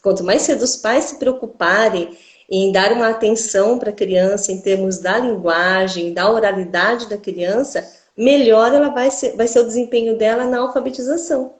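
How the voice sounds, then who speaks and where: A female speech therapist with a Brazilian Portuguese accent explains things didactically in an interview, often ending phrases with "né?". Her voice is on the high side with fairly even intonation and a moderate pace. The sound is roomy.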